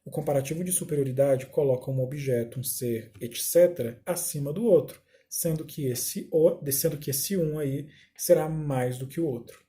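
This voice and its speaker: A male teacher walks through a recorded lesson with a very dark, mellow tone that still sits a little high. His delivery is patient and explanatory. He reads from slides and slows right down on examples. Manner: reads slide text aloud and then restates it. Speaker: English teacher.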